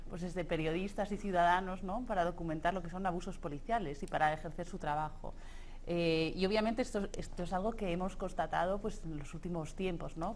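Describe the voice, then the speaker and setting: A woman's voice: lowish voice, a little mellow, a little hiss or hum. A woman with a Peninsular Spanish accent, a spokeswoman for an organization, answering hesitantly with many fillers. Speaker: NGO spokeswoman. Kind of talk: interview answer.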